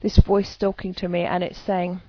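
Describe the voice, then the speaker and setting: A woman's voice: fairly low pitch, little pitch movement, normal speed, dark tone, no room sound, muffled recording. A woman, an EFT practitioner, talking casually to camera with many hesitant restarts.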